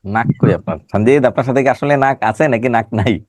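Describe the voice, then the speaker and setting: Middle-aged man, teacher with a cold, mid pitch, dry close sound, teasing students on a video call. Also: a little fast, darkish tone, no echo. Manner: joking, scolding students by name. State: has a cold. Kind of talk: online class lecture with teasing banter.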